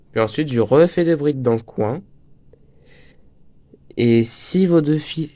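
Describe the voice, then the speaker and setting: A teenage boy with a mild cold and a voice that's breaking runs a relaxed crochet tutorial full of chatter and jokes that pull him off topic. His voice is mellow and medium in pitch.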